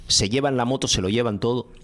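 A man's voice: mid-range voice, fast, fairly bright tone. A man hosting a heated studio discussion, impassioned and emphatic, repeating phrases for effect.

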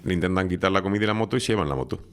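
Deep-voiced man, measured. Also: animated. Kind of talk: studio discussion.

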